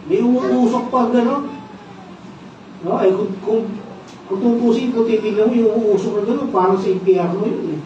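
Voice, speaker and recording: A man's voice: sits high, moderate pace, noisy background. A man with a Filipino accent preaching a sermon as pastor, asking his congregation questions and tagging his lines with "no?". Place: church worship service. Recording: echoey, distant and dull church sound.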